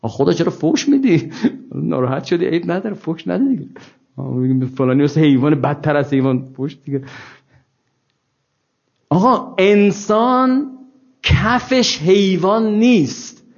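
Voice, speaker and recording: A man's voice: on the high side, gravelly, warm tone, slightly rough. A man giving an informal scripture lecture to an audience, wry and ironic, asking many rhetorical questions. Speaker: religious lecturer. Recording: dull lo-fi recording.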